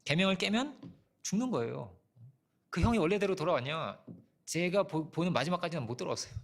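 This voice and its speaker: With a fairly high, creaky voice and lively intonation, a middle-aged pastor talks a little fast through a conversational sermon. He leans on personal anecdotes and rhetorical questions, repeatedly using a rhetorical "어?".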